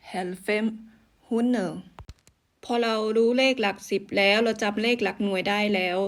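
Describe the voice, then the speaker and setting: A woman giving a casual language lesson, patiently saying number words slowly and repeating them for practice, with polite, gentle sentence endings. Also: mid-range voice, fairly even intonation, gravelly. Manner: polite, uses soft sentence-end particles. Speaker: language teacher.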